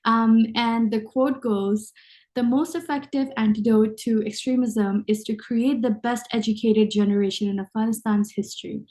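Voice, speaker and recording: A woman's voice: on the high side, fairly even intonation, normal speed, dark tone. A young adult woman hosting an interview, enthusiastic, reading a prepared introduction with many ums. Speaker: interview host. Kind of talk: hosted interview.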